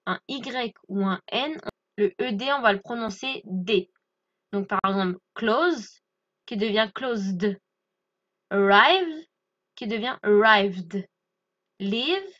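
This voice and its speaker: Woman teacher, higher voice, patient step-by-step explainer, dull lo-fi recording. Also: a bit bright. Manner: clear, patient explaining with frequent "d'accord?" check-ins. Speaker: English teacher. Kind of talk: French-language English lesson.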